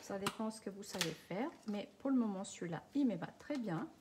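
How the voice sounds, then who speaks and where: A woman's voice: medium pitch, expressive, brisk, noisy background. A woman with a non-native French accent hosting a live craft tutorial, chatting with her viewers as she shows each step. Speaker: craft demonstrator.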